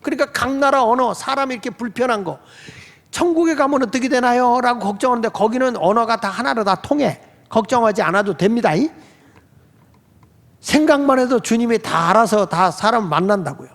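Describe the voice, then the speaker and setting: A pastor preaches to his congregation in a fairly bright voice that sits high for a man, speaking plainly and fairly quickly with lively intonation and some vocal fry. His sermon is conversational, full of questions put to the people. The long reverb of a church sanctuary surrounds the sound.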